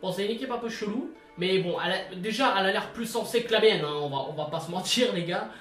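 A man commentating his own football video game match in casual slang, excitable and bursting into shouts at big moments. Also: high-pitched, fast. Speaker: gaming YouTuber. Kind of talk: live gameplay commentary. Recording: roomy, distant mic, music behind.

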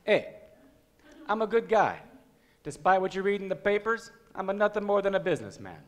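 A menacingly genial mob boss. His voice sits fairly high and swings widely as he swaggers and needles, theatrical in the manner of a stage comedy. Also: very animated, a little fast, long reverb tail. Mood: boastful, genial. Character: Italian-American mob boss, touchy, grandiose, menacingly genial. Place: church-style hall stage before an audience.

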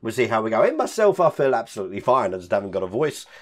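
A man in his fifties who hosts a model-building channel talks very fast in a deep, rough, husky voice, still hoarse and croaky after an illness and broken by occasional coughs. His pitch rises and falls animatedly as he chats through a casual hands-on build. He handles the parts and explains each step from a home hobby room full of collectibles.

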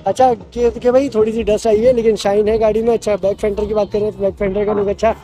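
A man with a Karachi Urdu accent walking around a used car outdoors, giving a fast, upbeat salesman-style rundown of it. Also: high voice, level tone, warm tone, soft background music, low-quality recording. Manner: fast, upbeat salesman patter, repeats "bhai". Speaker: vlogger showing used cars. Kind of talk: casual walk-around car review. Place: outdoor car market lot.

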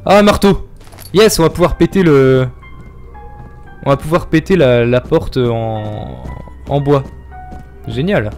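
A young man streams a horror game, chatting, joking, reading chat and yelping at the scares in live commentary. His mid-range voice has a darkish tone, moving at a slow pace with frequent pauses while faint music plays behind him. He reacts with yelps and laughs throughout.

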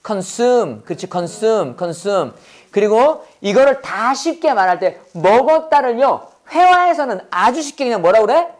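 A man's voice: high-pitched, very animated, measured pace. A man teaching English in a classroom lecture, leading repeat-after-me drills and answering his own questions. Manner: asks questions and answers them himself, repeating phrases.

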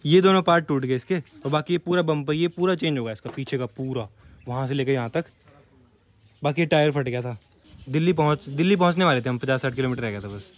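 A man's voice: medium pitch, a little hiss or hum. A young man chatting casually to his viewers in a vlog. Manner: quick, chatty, addresses viewers. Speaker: vlogger.

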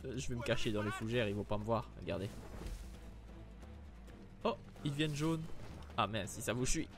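A man's voice: mid-range voice, lively intonation, moderate pace. A man with a Liège accent commentating a video game, joking with viewers and putting on silly voices. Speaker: let's play gamer. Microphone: new microphone. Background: game music.

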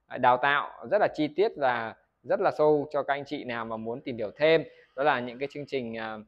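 The recording is muffled, and the Vietnamese man's voice sits at a medium pitch as he teaches English pronunciation on video. Questions to the audience get answered by him, and he says words aloud for viewers to echo.

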